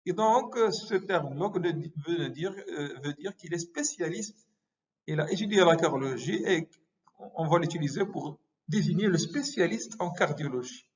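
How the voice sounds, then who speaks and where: A man giving a medical lecture, halting often with hesitations and self-corrections. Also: on the high side, expressive. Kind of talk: explanatory lecture. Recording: muffled lo-fi recording.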